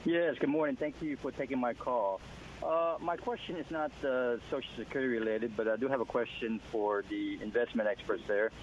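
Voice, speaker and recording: A man's voice: medium pitch, steady tone, fairly quick. Male caller on a dull phone line with faint hiss, polite and hesitant, call-in radio. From Mississippi. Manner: polite, hesitant with many fillers. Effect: clipped phone line.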